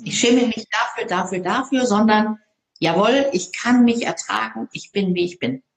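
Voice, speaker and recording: A woman who speaks on stage, telling stories in an interview in a lively, expressive way. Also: on the high side, normal speed, vocal fry, roomy sound. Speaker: public speaker. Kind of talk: interview conversation.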